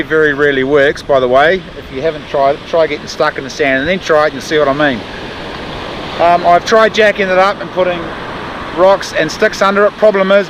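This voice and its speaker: A man with a broad New Zealand accent giving casual, laid-back, slangy running commentary for a vlog. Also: on the high side. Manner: laid-back, matter-of-fact, mildly sweary and slangy. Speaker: vlogger. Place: outdoors and around vehicles. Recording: noisy outdoor audio with vehicle sounds.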